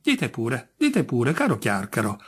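A man's voice: mid-range voice, wildly swooping pitch, a little slow, breathy edge, exaggerated voice. Patient, puzzled judge, voiced by a man reading. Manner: patient, mildly coaxing. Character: patient, bemused middle-aged male judge.

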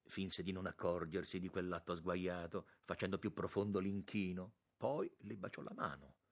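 A man reading a literary novel aloud in a measured, expressive narration. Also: low voice, creaky. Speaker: audiobook narrator.

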